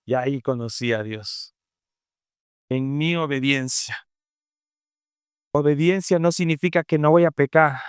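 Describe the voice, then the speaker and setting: Pastor guy preaching hard, lots of questions to the crowd, goes loud then real low, smooth dry voice. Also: measured pace, long pauses, no room sound. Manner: impassioned preaching with rhetorical questions; swings between raised cries and low, quiet lines. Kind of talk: sermon.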